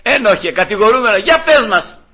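A man's voice: high voice, animated, bright, forceful tone, exaggerated voice. A man doing a firm court judge. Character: patient older male court judge, firm.

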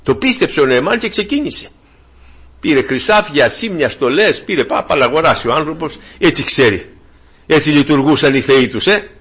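A man's voice: on the high side, lively intonation, fairly bright tone, slightly rough. A man preaching a sermon to his congregation, fervent and emphatic, asking rhetorical questions and repeating key phrases.

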